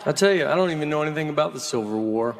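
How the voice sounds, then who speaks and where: A man in his forties from the American South, telling stand-up stories in a deadpan, bemused drawl-free plain voice sitting a bit high for a man. He takes his time, leaning into pauses, and the live room hums with noticeable audience noise underneath. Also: gravelly, a crowd in the background. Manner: deadpan, slow, bemused storytelling. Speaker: stand-up comedian. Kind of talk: stand-up comedy routine. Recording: live theater with audience laughter.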